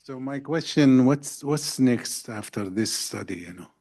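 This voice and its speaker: A man's voice: mid-range voice, lively intonation, unhurried, gravelly, darkish tone. A man informally asking questions at a meeting, padding his phrases with frequent tags. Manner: frequently adds "you know".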